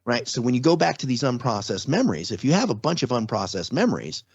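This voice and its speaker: A podcast guest, a trauma survivor and former security contractor, talks casually in an interview, repeating and restarting phrases and often checking in rhetorically. His mid-range voice is very animated, quick, and slightly rough. The recording sounds dry and muffled.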